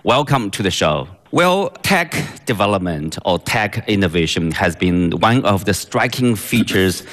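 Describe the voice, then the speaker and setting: A man with a fairly low voice hosts a studio discussion show. He speaks in a measured, formal manner, laying out the topic and putting questions to his guests. The tone is that of a polished broadcast moderator. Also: sing-song, a bit bright, in a large hall. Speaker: host. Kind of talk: studio talk show hosting.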